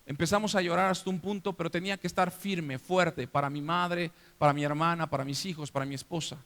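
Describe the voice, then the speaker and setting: High-voiced, impassioned Mexican pastor in a hall. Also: male voice, fairly even intonation, brisk, a bit bright. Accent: Mexican Spanish. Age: middle-aged. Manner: emotional storytelling, acting out family voices. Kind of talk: sermon testimony. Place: church.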